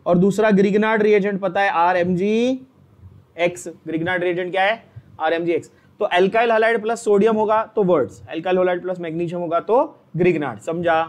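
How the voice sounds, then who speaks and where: A man teaching a chemistry exam-prep lecture, drilling students with repeated questions in an energetic, coaxing way. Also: sits high.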